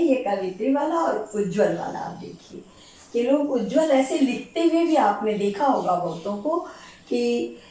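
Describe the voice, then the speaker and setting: A woman teacher giving a grammar lesson for exam preparation, patiently repeating each word slowly so students catch the correct form. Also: mid-range voice, mellow. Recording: very echoey room.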